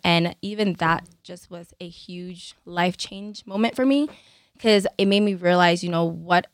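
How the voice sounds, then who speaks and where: A young woman from Cameroon, a podcast guest telling her life story in a lively way, laughing often and checking in with "right?". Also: on the low side, unhurried, no echo, clean studio sound. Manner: animated, laughs often, tag questions. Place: podcast studio.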